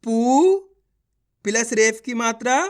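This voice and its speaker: Speaking slowly in a very high voice, a man leads a beginner reading lesson. He sounds out syllables one at a time and blends them into words, encouraging his viewers and repeating his instructions to them.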